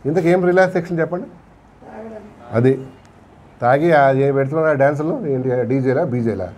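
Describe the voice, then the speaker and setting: Telugu-accented pastor preaching a lively sermon. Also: male voice, a little high, moderate pace, a little hiss or hum. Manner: conversational preaching with questions to the congregation and acted-out quotes. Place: church hall.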